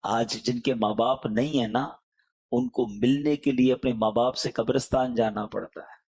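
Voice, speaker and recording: A male preacher with a Pakistani Urdu accent giving an emotional sermon, pleading with listeners and swinging between loud appeals and hushed words. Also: medium pitch, fairly even intonation, slightly rough.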